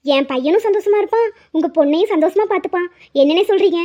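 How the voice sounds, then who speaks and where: A woman's voice: very high voice, quick pace, dark tone. A woman voicing a well-off, kind middle-aged mother in a cartoon, speaking in an earnest, reassuring way. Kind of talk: cartoon voice acting. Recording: dull lo-fi audio.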